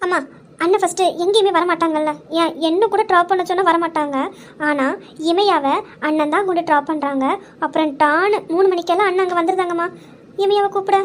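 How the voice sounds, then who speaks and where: Woman doing a cheeky little sister, super high voice, teasing and bossy. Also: steady tone, brisk, a little hiss or hum. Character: playful teasing teenage sister.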